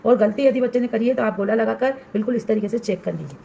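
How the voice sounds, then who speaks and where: A woman's voice: on the high side, fast, creaky, warm tone, roomy sound. A woman primary school teacher explaining step by step how to fill in a student assessment workbook for fellow teachers. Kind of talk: instructional walkthrough for teachers.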